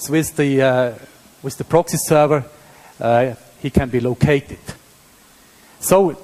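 A man's voice: a little high, a little mellow. Swiss German man lecturing in a reverberant hall. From Switzerland. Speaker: university professor, conference speaker. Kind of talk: technical conference lecture. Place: indoor hall at a tech conference.

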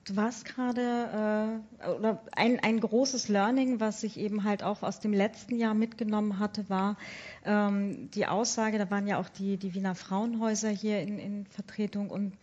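A woman's voice: medium pitch, steady tone, normal speed, a little mellow. A woman moderates a panel discussion, hesitant, with many fillers and restarts. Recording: dull lo-fi conference audio.

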